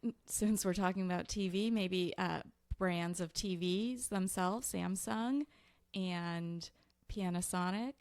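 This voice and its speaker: A woman's voice: on the low side, takes it slowly, a little mellow, clean tone, dry recording, clean studio sound. A woman with a Chicago accent co-hosting a casual podcast chat, giggly and a little nervous. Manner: giggly, nervous, laughs a lot. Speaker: podcast co-host.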